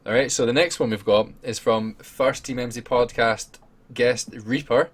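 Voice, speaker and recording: A man with a husky, slightly breathy voice chats as a podcast host. He keeps things light and jokey and laughs often. He speaks at an ordinary pitch for a man. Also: steady tone, moderate pace. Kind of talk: casual podcast chat.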